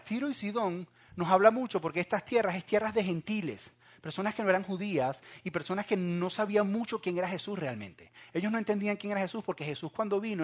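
A young man preaching a sermon, swinging from loud acted cries to hushed asides and talking straight to his listeners. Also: high voice. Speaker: pastor.

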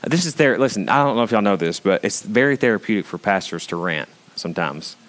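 A man preaching a sermon as pastor in a church, moving between hushed, intimate asides and rising, emphatic passages. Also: fairly low pitch, lively intonation, quick pace.

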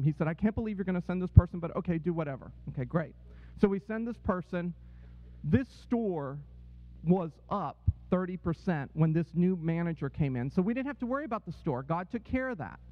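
A man's voice: a little high, expressive, moderate pace. A man speaking to a congregation, telling a personal story and checking in with "right?" and "okay?". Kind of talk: testimony talk to a congregation. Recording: dull, echoey hall sound.

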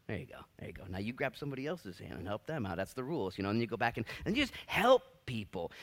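Casual, jokey preaching man. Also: lowish voice. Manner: conversational, jokey, earnest. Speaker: pastor. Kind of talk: sermon. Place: church.

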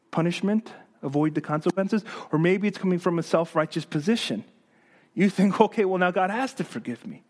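A male pastor preaching a sermon in an animated, emphatic way, acting out the voices of the people he quotes. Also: fairly high pitch.

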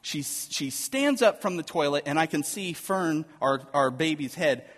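A man in his thirties telling a personal story to an audience, animated and self-deprecating. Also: on the high side, a little slow, in a large hall.

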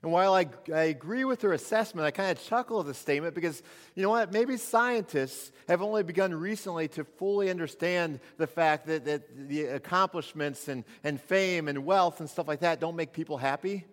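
A man's voice: a little high, fairly quick, hardly any pauses. A male pastor preaching a sermon at a pulpit microphone in a church, speaking conversationally with frequent restarts. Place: church sanctuary. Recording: long reverb of a church hall.

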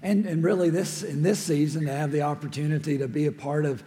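A male minister gives a sermon in a gravelly, raspy voice with a soft, mellow tone. His pitch sits a little high for a man, and his delivery is reflective and halting. Long reverb from a large hall surrounds his words. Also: fairly even intonation. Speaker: church minister preaching.

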